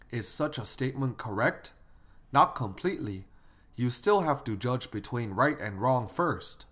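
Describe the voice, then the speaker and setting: A male lecturer gives a measured moral lesson at an ordinary mid pitch. He explains each point steadily and stops to put questions to his listeners. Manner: measured and instructive, asks the audience questions. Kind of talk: didactic lecture.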